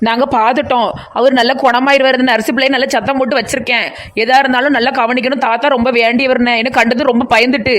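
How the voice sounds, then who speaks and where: A woman's voice: a little high, fairly even intonation, fast talker, a bit bright, natural voice. A woman voicing a chatty, nosy village woman in a cartoon comedy, with a southern Tamil Nadu accent. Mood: bossy. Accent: southern Tamil Nadu (Kanyakumari–Tirunelveli). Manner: rambling, teasing, talks nonstop.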